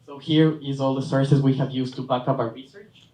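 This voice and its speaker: A man from Ecuador co-presenting a startup pitch. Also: fairly even intonation, normal speed, mellow. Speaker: startup co-founder. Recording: echoey hall from far off.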